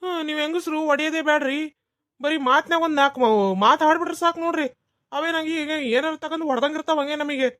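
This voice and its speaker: A woman's voice: sits high, fast talker, a bit bright, dry recording, studio quality. Woman voicing a whiny village husband. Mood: complaining. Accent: North Karnataka Kannada. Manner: whining, self-pitying complaints. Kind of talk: cartoon voice acting.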